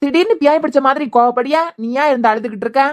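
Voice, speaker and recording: A woman's voice: high voice, rapid-fire, darkish tone, natural voice. A woman with a Kanyakumari Tamil accent voicing a teasing, patient young husband in a cartoon series. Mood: pleading. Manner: pleading, playfully teasing. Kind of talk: cartoon web series voice acting.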